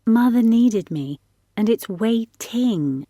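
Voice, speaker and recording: A woman voicing a lively, eager young girl from the gentry who chatters and coaxes. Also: mid-range voice, a little slow, no echo, clean studio sound. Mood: chattering. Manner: excited, chattering, coaxing.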